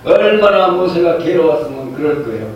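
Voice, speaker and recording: A man's voice: on the high side, animated, brisk, muffled recording. A male pastor telling a Bible story as a sermon, conversational, with many hesitations and fillers. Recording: echoey hall heard from far off, faint background noise.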